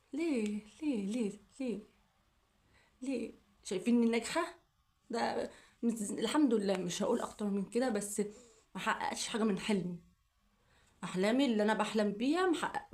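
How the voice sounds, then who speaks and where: A woman's voice: medium pitch, a little mellow. A young woman with an Egyptian Arabic accent, speaking in an emotional personal vlog, upset and pleading, repeating her questions over and over. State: coughing fits, upset. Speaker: vlogger.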